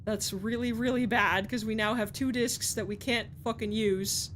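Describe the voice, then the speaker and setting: A woman's voice: a little high, fairly even intonation, moderate pace, fairly bright tone, a little hiss or hum. A woman streamer commentating a puzzle game live, swearing and pleading in frustration.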